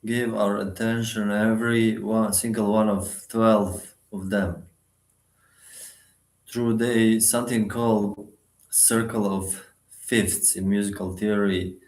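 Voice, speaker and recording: In short, sparse phrases separated by long pauses, a man leads a guided meditation. His voice is on the low side, and the low-quality recording has a roomy sound.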